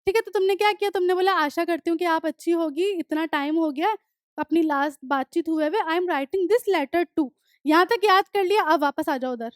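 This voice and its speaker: High-voiced Indian woman teaching grammar. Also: dry recording, studio quality. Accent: Indian English. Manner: explains step by step, reads model sentences slowly, asks rhetorical questions. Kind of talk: online lesson explaining letter writing.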